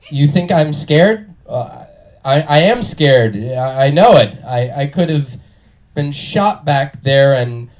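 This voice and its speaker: A man playing a scared young cop, halting and stumbling through deliberately bad improvised stage acting. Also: on the high side, a little mellow, rough recording. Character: scared young cop confessing to his police chief. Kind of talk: comic stage scene reading.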